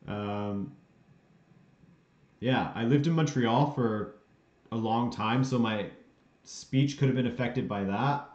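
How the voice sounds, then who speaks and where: A man's voice: medium pitch, slow, pauses often, darkish tone. Canadian guy streaming a watchalong, chill, reacting to the game n reading chat, echoey dull mic. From western Canada. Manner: reacts to play and reads out chat questions. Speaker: streamer hosting a live match watchalong. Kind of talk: casual live watchalong commentary. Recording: roomy, dull lo-fi stream audio.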